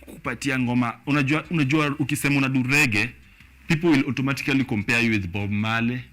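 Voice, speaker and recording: Man, Kenyan accent, interview host, casual, quick delivery, bright mid-pitched voice. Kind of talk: casual interview, mixing Swahili slang and English.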